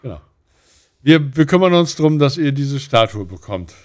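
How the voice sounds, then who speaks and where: A man's voice: mid-range voice, very animated, normal speed, a little mellow. A middle-aged man co-hosting a casual podcast, easygoing, moving the talk on to the next topic. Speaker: podcast co-host. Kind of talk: casual chat.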